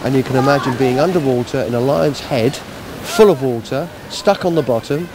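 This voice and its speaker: A man who organises a charity event, explaining it informally and in a measured way in an outdoor interview. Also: mid-range voice. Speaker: Lions club event organiser. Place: outdoors at a seafront. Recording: outdoor street and traffic noise.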